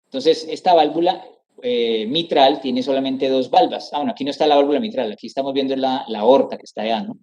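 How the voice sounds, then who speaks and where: A man's voice: mid-range voice, a little fast, darkish tone. A middle-aged man giving an anatomy lecture over slides, explaining step by step, repeating terms and often checking with his students.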